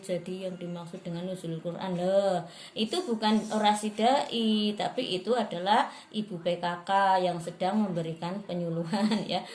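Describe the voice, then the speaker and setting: A woman's voice: lowish voice, darkish tone, echoey room. A woman lecturer in rhetoric, giving a class on preparing sermons and modeling intonation aloud.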